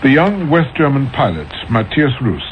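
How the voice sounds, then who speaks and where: A dull, lightly noisy radio broadcast of a British man reading the news. His delivery is formal and authoritative, with a medium pitch that rises and falls widely. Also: big pitch swings, moderate pace. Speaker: newsreader. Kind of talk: scripted news bulletin reading.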